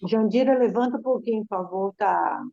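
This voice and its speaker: A woman's voice: medium pitch, fairly quick, vocal fry, warm tone, dry recording. Muffled woman repeating words. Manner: plain, brief replies and repetitions. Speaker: student in class.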